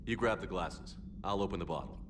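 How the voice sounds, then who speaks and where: An actor playing a steadfast, idealistic military commander in a video game. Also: male voice, low-pitched, a little fast, background noise, close to an everyday voice. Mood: warm.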